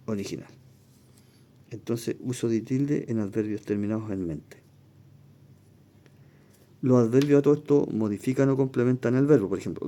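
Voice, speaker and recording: A man's voice: medium pitch, warm tone. A man, teaching a language exam review lesson, reading passages aloud and explaining spelling rules step by step.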